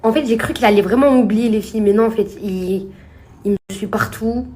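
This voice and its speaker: A woman's voice: mid-range voice, brisk, darkish tone. A young woman, chatting casually to her followers in a rambling phone vlog from a hotel room. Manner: chatty, rambling, addresses viewers as princesses and girls. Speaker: vlogger.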